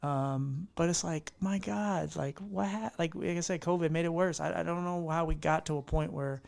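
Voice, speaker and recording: Gravelly, high-voiced man ranting on a podcast. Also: moderate pace, dry recording. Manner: animated ranting, rambling with restarts. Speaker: podcast host. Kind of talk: casual podcast chat.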